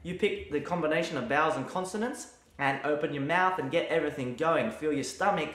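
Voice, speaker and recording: Casual male music teacher, easygoing and talkative, a little high-pitched, recorded in a roomy space. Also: a little fast. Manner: relaxed, chatty, demonstrates by singing and vocalising. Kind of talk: casual video lesson. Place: room at home during lockdown. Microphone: mic near the camera.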